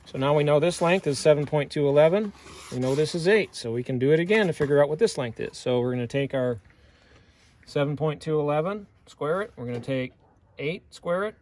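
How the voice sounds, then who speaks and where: A middle-aged welding instructor gives a hands-on lesson in an outdoor work yard, explaining each step plainly and practically. His voice is on the high side, animated, a little fast and a little mellow, caught on a phone camera held nearby.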